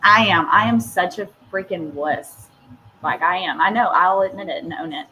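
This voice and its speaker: A woman's voice: on the low side, normal speed, bright, forceful tone, slight background noise, poor audio. A woman, co-hosting a casual morning radio chat, giggly and self-deprecating. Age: 30s. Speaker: radio show co-host.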